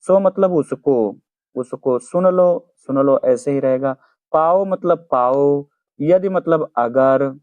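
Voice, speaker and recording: Male teacher, slightly high voice, patient dictation pace, dry tinny phone-quality recording. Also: no echo. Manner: slow, repeats each meaning for dictation. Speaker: Hindi teacher. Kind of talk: explaining poem word by word. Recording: dry, phone-like narrow sound.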